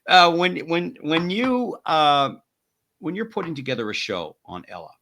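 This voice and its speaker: A man's voice: on the high side, very animated, moderate pace, vocal fry, sharp tone, slight background noise. A man hosting a podcast interview, asking long, rambling questions with many restarts. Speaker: podcast host. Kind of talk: casual interview chat.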